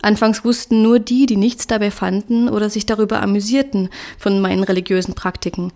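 A woman reading a novel aloud as narrator, measured and steady. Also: medium pitch. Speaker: audiobook narrator. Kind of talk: scripted narration.

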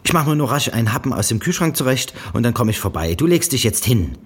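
A man's voice: medium pitch, big pitch swings, fast talker, slightly rough, pitched above the performer's own voice. A man voicing a curt, domineering middle-aged mother who scolds her daughter over the phone, in a brusque, bossy manner. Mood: curt, scolding.

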